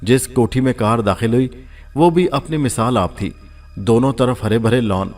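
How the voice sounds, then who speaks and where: A man reads a first-person story aloud, steady and measured as he tells it. His pitch sits in the middle of the range for a man. He keeps an even storytelling pace throughout. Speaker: audiobook narrator.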